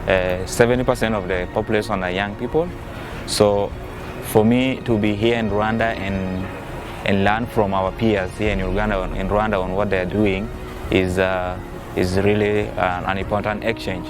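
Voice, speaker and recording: A man's voice: fairly low pitch, little pitch movement, normal speed. A man from South Sudan speaking assertively, like giving a speech, in an interview. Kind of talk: interview testimony. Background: music.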